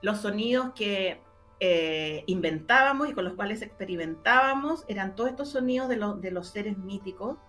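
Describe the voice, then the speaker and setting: With faint music behind her, a woman who creates radio dramas gives relaxed interview answers in an expressive, slightly bright mid-range voice at normal speed. She has a Chilean accent and explains with enthusiasm, repeating words as she reaches for the next one.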